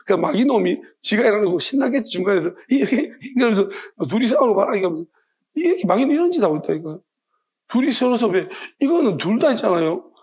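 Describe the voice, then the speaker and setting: A man pastor preaching an evening sermon, retelling a story with lively acted-out quotes. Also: high voice, quick pace, breathy edge. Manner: animated storytelling, acting out quoted lines.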